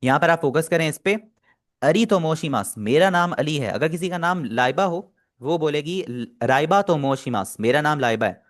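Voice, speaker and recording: A man with a slightly raised voice leads a live online Japanese class. He explains patiently, stops to answer students' questions, and slows right down to drill pronunciation one syllable at a time. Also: a little high, lively intonation, fairly bright tone. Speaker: Japanese language teacher.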